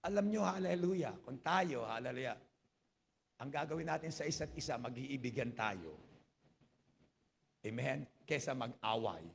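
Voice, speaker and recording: A man's voice: mid-range voice, expressive, normal speed, gravelly, long pauses, slight background noise. A man with a Filipino accent preaching a sermon as pastor, scattering hallelujah and amen through every phrase and mixing English into his Filipino. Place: church.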